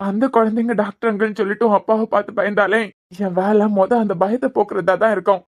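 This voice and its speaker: In this cartoon voice acting, a woman plays a grieving young father, a doctor, who softly and sorrowfully pleads with his frightened daughter in Kanyakumari Tamil, repeating the child's name. Her voice is mid-range and close to everyday speech, with a level tone and a quick pace. The mood is pleading throughout.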